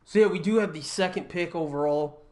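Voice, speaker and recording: A young man is getting over a cold, so his voice comes out a little raspy. He chats casually on a gaming livestream from his home apartment, thinking aloud with ums and uhs. His voice sits on the high side, brisk and a little mellow.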